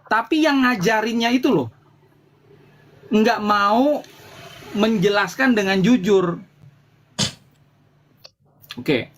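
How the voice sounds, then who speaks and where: A high-voiced man hosts a live debate in an explanatory, insistent way, repeating phrases as he goes. There is faint noise and some clicking on the recording. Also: slow, long pauses, fairly bright tone. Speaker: host, translator and team leader debating religion.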